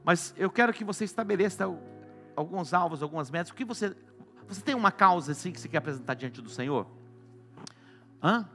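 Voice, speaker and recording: A Brazilian man delivers a sermon in a bright, forceful voice that sits a little high. He swings between loud exclamations and quiet, hushed lines, with faint music playing behind him. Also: animated, brisk, long pauses. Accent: Brazilian Portuguese. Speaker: apostle preaching.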